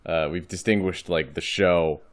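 A man's voice: deep voice, steady tone, unhurried. A man hosting a casual interview podcast, rambling and restarting his sentences as he asks questions. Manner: rambling, hesitant, full of restarts. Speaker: podcast host.

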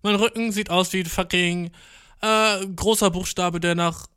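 Young dude ranting comedy bits, swears a ton, throws in english slang, slightly high voice, dry sound. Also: male voice, a little slow, clear, resonant tone, no echo. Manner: slangy, profane, mixing English words into German; jumps from deadpan mutters to excited outbursts. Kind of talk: rambling comedic monologue.

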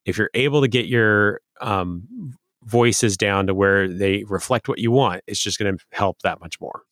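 A man's voice: lowish voice, moderate pace, a bit bright, no room sound, clean studio sound. A man co-hosting a podcast about running tabletop games, talking casually with many restarts and fillers. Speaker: podcast co-host, dungeon master.

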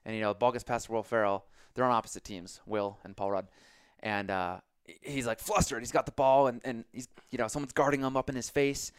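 A man co-hosting a podcast, chatting casually and telling stories with lively shifts of voice. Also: a little fast, smooth, no echo, studio quality. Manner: animated storyteller, jumps into high voices for quotes. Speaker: podcast co-host; coach.

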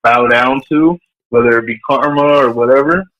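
A man's voice: medium pitch, moderate pace, a bit bright, highs cut off. A man speaking as a podcast guest in a casual late-night chat, laid-back, giving short replies and swearing casually.

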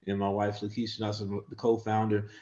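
A man's voice: lowish voice, monotone, fairly quick, a little mellow. A man in his thirties from eastern North Carolina, a guest talking in a confident, easygoing, joking way. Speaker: interview guest. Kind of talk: casual interview chat. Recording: roomy, dull lo-fi audio.

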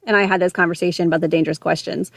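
A woman co-hosting a casual podcast conversation, telling stories in a lively way with frequent "like" and "um". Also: fairly low pitch, rapid-fire, gravelly, no room sound, clean studio sound. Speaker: podcast co-host.

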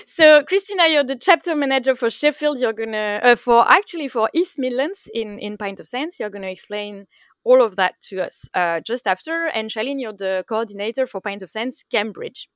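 A woman hosting a science podcast, chatty and quick to laugh, with loose restarts as she introduces her guests. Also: a little high, lively intonation, fairly bright tone, clear, resonant tone, no echo. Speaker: podcast host. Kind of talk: casual interview.

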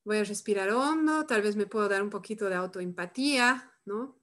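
A woman leading a live workshop, who talks calmly and reflectively and tags her phrases with "¿no?". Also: medium pitch, moderate pace. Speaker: workshop facilitator. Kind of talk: live online workshop demonstration.

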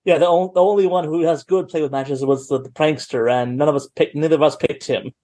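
A man with a fairly high voice plays in a tabletop role-playing game. His talk is casual and drifts in and out of character. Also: fairly even intonation, a little fast, warm tone.

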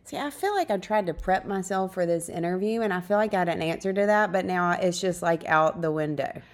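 A young woman talks through a casual podcast interview, her voice sitting a touch lower than most. She is chatty and self-deprecating, and often breaks into laughter. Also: fairly quick. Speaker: podcast guest.

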